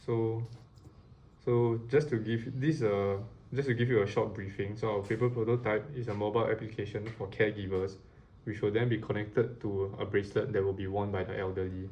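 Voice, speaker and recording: A man's voice: lowish voice, steady tone, brisk, a little mellow. A man moderating a usability test, reading out a briefing and task instructions.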